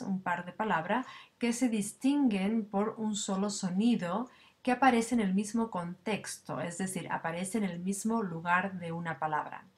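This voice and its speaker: A woman teaching a recorded lecture, explaining things step by step with fillers, small self-corrections and a tag question now and then. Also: medium pitch. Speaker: language teacher.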